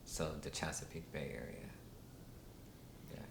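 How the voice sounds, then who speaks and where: A man in his thirties from Washington, D.C., being interviewed, talking unhurriedly with many pauses and fillers. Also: creaky. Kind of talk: casual recorded interview. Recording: roomy, with steady low rumble.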